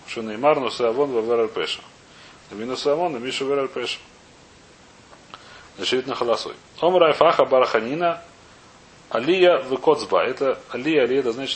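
A man leading an informal religious text class, reading aloud and then explaining, often halting to search for words and asking himself questions. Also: medium pitch, lively intonation, poor audio. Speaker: teacher of a Talmud class. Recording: clear background hiss and noise.

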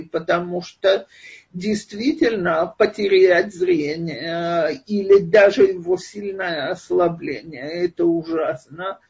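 A woman's voice: lowish voice, a little mellow, breathy edge, lo-fi sound. A woman giving an online lecture and answering questions in a thoughtful, hesitant way, recorded over a video call.

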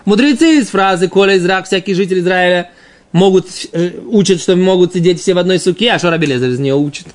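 A man's voice: high-pitched, quick pace. A man giving an informal religious text lesson as a teacher, explaining by asking and answering his own questions. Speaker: Talmud teacher.

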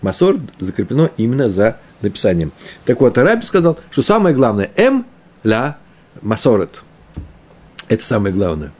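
A man teaching a Talmud lesson, explaining the text aloud, often repeating himself and slowing down on Hebrew terms. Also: medium pitch, wildly swooping pitch, darkish tone.

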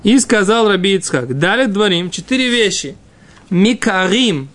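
A man's voice: high-pitched, expressive, normal speed, a bit bright. A man teaching an informal religious text class, reading and explaining in fragments with frequent checking questions.

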